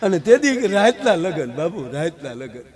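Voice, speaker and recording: A man's voice: fairly high pitch, sing-song, moderate pace. A man voicing a glum, complaining middle-aged husband, in folk comedy storytelling. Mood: lamenting. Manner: mournful, self-pitying storytelling with dry jokes.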